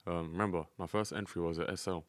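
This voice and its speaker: A man's voice: low-pitched, fairly even intonation, quick pace, no room sound. A man giving casual, slangy live trading commentary as a streamer, talking directly to his viewers. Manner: slangy, addressing viewers as guys. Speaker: day trading streamer and teacher.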